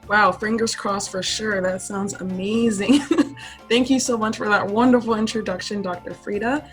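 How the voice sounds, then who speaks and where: A woman's voice: medium pitch, steady tone, moderate pace, faint music behind. Polite, upbeat woman moderating a panel. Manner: polite, enthusiastic, scripted.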